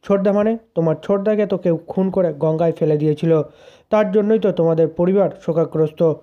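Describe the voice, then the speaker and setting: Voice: medium pitch, brisk, narrow, tinny audio, natural voice. A narrator reading the lines of a bewildered young woman asking what is going on. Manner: confused, questioning.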